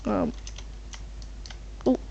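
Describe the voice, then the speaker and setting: Speaking extremely slowly in a warm tone, a woman hosts her gameplay channel, rambling casually, hesitating and meandering as she thinks aloud. The mic sounds muffled, with faint background noise and keyboard typing.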